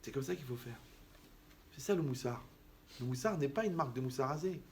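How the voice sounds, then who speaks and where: Animated male rabbi preaching. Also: mid-range voice, fairly quick, noisy background. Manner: lively, conversational, acts out quoted people. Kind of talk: animated sermon.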